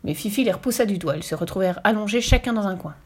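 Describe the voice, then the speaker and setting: A woman reading a children's story aloud with lively, expressive storytelling. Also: medium pitch, very fast.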